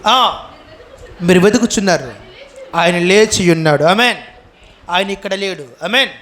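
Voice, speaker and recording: A man's voice: sits high, lively intonation, unhurried, some chatter behind, a little hiss or hum. A man pastor with a Telugu accent, preaching a sermon and calling on the congregation to answer him. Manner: call-and-response preaching, asks the congregation to answer; acts out quoted lines with a rising, shouted voice.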